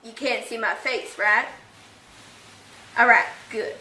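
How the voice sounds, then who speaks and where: A woman's voice: fairly high pitch, steady tone, slow pace, sharp tone. A woman voicing a paranoid older man who believes in conspiracies and is hiding from the world, in a folksy, secretive, ominous manner. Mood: conspiratorial. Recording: echoey room.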